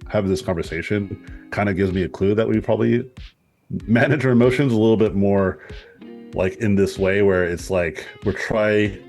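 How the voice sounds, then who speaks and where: A man's voice: deep voice, a little mellow. A man in a casual group discussion, talking in a rambling, reflective way and swearing now and then.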